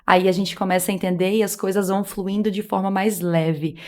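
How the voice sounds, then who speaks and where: A woman's voice: mid-range voice, little pitch movement, a little fast. A woman guest, telling her faith testimony in casual chat, earnest and emotional, acting out remembered dialogue. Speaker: podcast guest.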